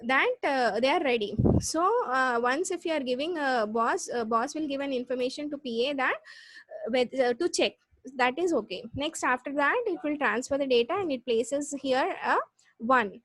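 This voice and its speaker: A woman with a South Indian accent teaching a live online class, explaining step by step with repeats and halting restarts. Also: high voice, fairly bright tone, no room sound. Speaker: computer science lecturer. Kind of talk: live online lesson with check questions.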